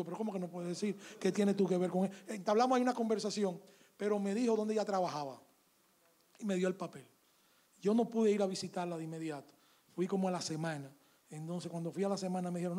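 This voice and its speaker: A man with a Dominican Spanish accent, an author in an interview who tells a story and acts out both sides of the conversation. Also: sits high. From Dominican Republic. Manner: animated anecdote, acts out dialogue.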